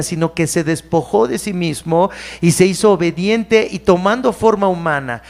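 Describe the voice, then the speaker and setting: A man with a Mexican Spanish accent preaching a sermon as pastor in church, animated, at times mimicking churchgoers. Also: high voice.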